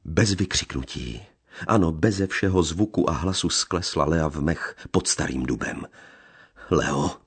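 A man reading a literary novel aloud with slow, solemn narration. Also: extremely low pitch, lively intonation, slightly rough. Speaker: audiobook narrator.

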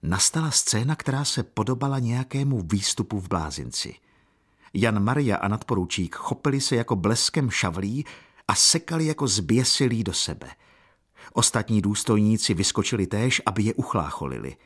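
Male narrator, lowish voice, measured, expressive, audiobook. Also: husky.

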